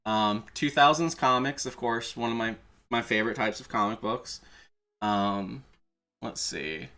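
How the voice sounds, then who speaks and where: Music plays behind a male streamer and video creator whose medium-pitched voice has a sharp tone and a measured pace. He chats casually on his livestream like an enthusiastic fan, dropping the odd swear word.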